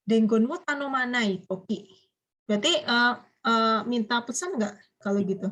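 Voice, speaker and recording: A woman's voice: a little high, normal speed, a bit bright, highs cut off. A woman from Indonesia teaching a business Japanese class over a video call, explaining patiently and quizzing her students. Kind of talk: online class lecture.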